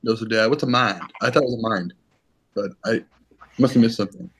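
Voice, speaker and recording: A man's voice: lowish voice, fast talker, slightly rough. Playful man mock-complaining. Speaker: co-host on a live stream. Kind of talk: casual chat.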